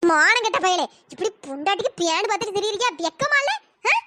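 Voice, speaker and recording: A shrill scolding old mother-in-law. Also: big pitch swings, fairly quick, sharp tone, no echo, full character voice. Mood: furious scolding. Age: older. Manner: shrieking, cursing, scolding. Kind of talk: cartoon voice acting.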